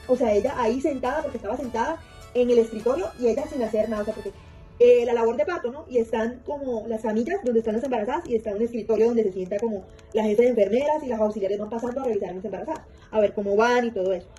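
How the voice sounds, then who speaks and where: A woman with a somewhat high, mellow voice tells a personal story in a rambling, repetitive way, looping back with fillers. Faint music plays underneath. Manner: rambling, repeats herself, many fillers. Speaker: vlogger telling a personal story. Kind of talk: casual storytelling monologue.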